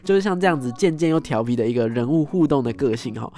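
A man telling a story as host, animated, acting out scenes and ending phrases with soft tag particles. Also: mid-range voice, fast talker, faint music behind. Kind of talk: casual storytelling monologue.

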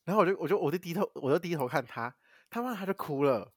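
A young man from Taiwan, co-hosting a podcast and telling a story in casual chat, animated and swearing lightly. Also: fairly high pitch, fast, slightly rough, dry recording, studio quality. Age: young adult. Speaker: podcast co-host.

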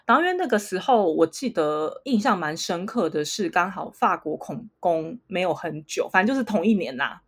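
A young woman with a Taiwanese Mandarin accent, co-hosting a podcast and telling a travel story in casual, animated chat. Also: fairly low pitch, normal speed, few pauses, slightly rough. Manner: animated, laughs often while telling stories. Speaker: podcast co-host.

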